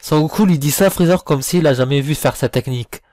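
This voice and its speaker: A male video reviewer delivers blunt, slangy, grumbling critical commentary as a voice-over with music playing behind. His voice is on the high side, quick and darkish, with a little hiss or hum on the track.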